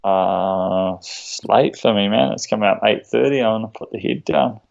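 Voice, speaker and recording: Podcast guest: man, broad Kiwi accent, gravelly and laid-back, casual slangy chat, slightly muffled audio. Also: lowish voice, normal speed, darkish tone. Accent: broad New Zealand.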